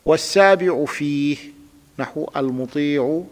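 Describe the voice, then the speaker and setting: A man's voice: a little high, unhurried. A man teaching a classical grammar lesson, patiently explaining step by step and having his student repeat words. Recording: reverberant room with long echo.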